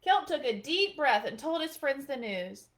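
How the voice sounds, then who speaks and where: With a high voice and a moderate pace, she reads a picture book to a child at bedtime. She's a children's librarian, and her storytelling stays gentle and expressive.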